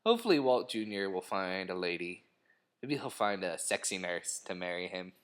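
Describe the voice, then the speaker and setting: A man's voice: deep voice, animated, moderate pace. A young man co-hosting a casual commentary chat about a TV episode, joking around and trying out mock impressions. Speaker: podcast co-host.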